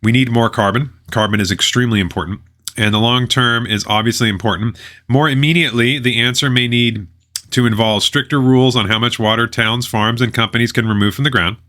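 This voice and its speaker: A man's voice: mid-range voice, fairly even intonation, a little fast, fairly bright tone. A man reading out news items and reacting with blunt, sarcastic, dismissive opinionated commentary.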